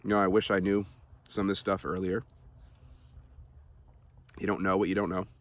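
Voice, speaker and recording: Deep-voiced man rambling casually. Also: moderate pace. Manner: relaxed, rambling, many ums and uhs. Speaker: vlogger. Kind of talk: casual talk to camera.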